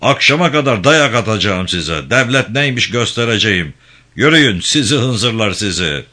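A man reading a novel aloud, voicing a harsh, bullying gendarme chief who shouts threats and insults. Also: lowish voice, expressive, normal speed, pitched above the performer's own voice. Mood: barking, menacing.

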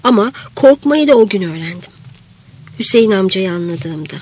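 A woman's voice: medium pitch, lively intonation, moderate pace, darkish tone, slightly rough, no echo. A woman narrating a literary first-person story in a reflective way, sometimes dropping to a whisper.

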